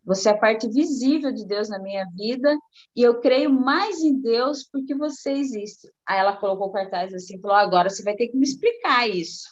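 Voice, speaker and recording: Animated woman telling a testimony. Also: fairly high pitch, moderate pace, dull audio. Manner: animated storytelling, acting out quoted voices. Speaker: guest giving a testimony. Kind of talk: casual spoken testimony.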